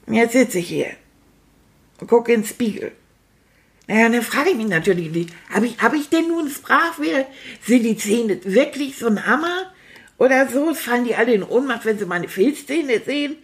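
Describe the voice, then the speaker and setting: A woman's voice: fairly high pitch, animated, normal speed. Woman voicing Manni, a lisping chatty plush rat. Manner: cheerful, talkative, addresses kids directly. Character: chatty boastful male plush rat with felt teeth. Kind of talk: children's puppet show.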